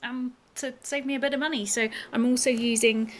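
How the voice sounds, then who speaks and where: Bubbly woman vlogging, high voice. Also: a little fast, slight background noise. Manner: bubbly and excitable, many "um" and "like" fillers. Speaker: cosplay vlogger. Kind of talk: casual chatty vlog.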